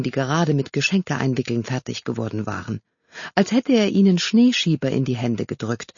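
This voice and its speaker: A narrator reading a storybook tale in an expressive, lively manner, in a dull lo-fi recording. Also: medium pitch, breathy edge, no room sound.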